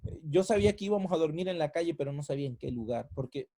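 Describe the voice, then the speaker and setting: A man, his fairly high voice mellow and dark. He tells his own story with strong emotion, dropping to near-whispers and then rising to loud, impassioned peaks. The recording is dry and close. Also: expressive, fast, no room sound, poor audio. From Colombia. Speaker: preacher. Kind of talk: sermon with personal testimony.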